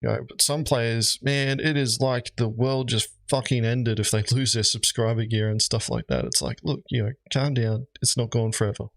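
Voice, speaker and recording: A man's voice: medium pitch, moderate pace, few pauses, dry recording. A man giving casual, rambling commentary as he reacts to gaming videos, with lots of fillers. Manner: rambling, frequent "you know" fillers.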